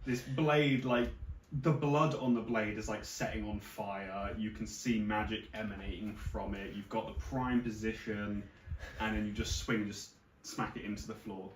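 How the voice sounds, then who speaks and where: Low-voiced man running a tabletop game. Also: steady tone, moderate pace. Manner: descriptive, filler-heavy narration. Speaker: dungeon master. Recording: roomy, distant mic with noise.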